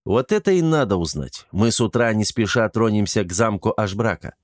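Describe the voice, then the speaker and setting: A man's voice: lowish voice, expressive, a little fast, no room sound, clean studio sound, lightly acted. Man doing a brusque, irritable young lord. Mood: commanding. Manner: brusque, exasperated, commanding. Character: irritable young lord commanding his men.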